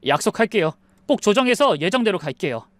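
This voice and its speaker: A woman voicing a young groom who speaks politely and apologetically, in a slightly lower voice. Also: very animated, fairly quick, a bit bright, no room sound. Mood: apologetic.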